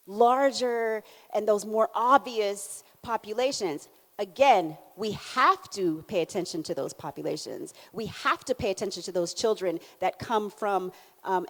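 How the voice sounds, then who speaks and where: A young adult woman from Canada with a Jamaican accent, giving a conference keynote and drawing in the audience with questions. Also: mid-range voice. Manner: animated, engaging the audience with questions and laughs. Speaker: keynote speaker. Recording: hall reverb.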